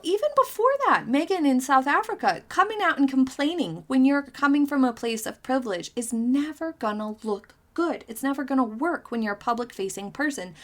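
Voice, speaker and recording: A woman hosting a casual commentary vlog, reading out viewer comments and giving her opinions in a chatty way, with frequent hedges and fillers. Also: a little high. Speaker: commentary channel host.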